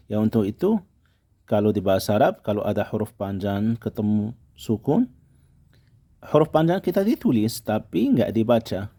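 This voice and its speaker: A man's voice: medium pitch, warm tone. A man teaching a language lesson, patiently repeating words and explaining them to his viewers. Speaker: Arabic teacher.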